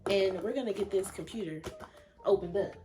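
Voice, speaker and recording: A young woman chatting excitedly and a bit breathlessly while unboxing a new laptop for her vlog. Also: mid-range voice, brisk, music in the background. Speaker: vlogger.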